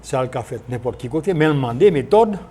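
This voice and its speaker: A man with a Haitian accent speaking as a guest in an unscripted radio discussion, explaining things in a halting way with repetitions and self-corrections. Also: medium pitch, animated, warm tone, husky. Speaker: guest, former senator. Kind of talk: unscripted radio interview discussion, switching between French and Creole. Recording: noisy archive broadcast recording.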